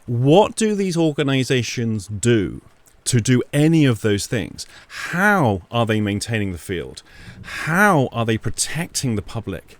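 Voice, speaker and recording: A man's voice: medium pitch, very animated, no room sound. A man recording in an attic, giving an informal, sardonic monologue to an online audience with pointed repetition. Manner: sardonic, with rhetorical questions and deliberate repetition. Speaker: video commentator exposing false claims.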